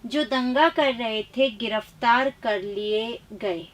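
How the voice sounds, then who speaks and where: A high-pitched woman runs a live exam-prep grammar class. She reads questions and their options quickly, urges students to answer, and chides them for rote learning in an emphatic teacher's tone. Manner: brisk quizzing, reading options and answers aloud; chiding, emphatic.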